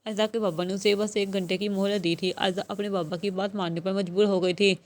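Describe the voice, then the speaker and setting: A woman narrating a romance novel aloud, steady and measured, with a mid-range voice. Her pace is even and the delivery scripted. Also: mid-range voice. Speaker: novel reader.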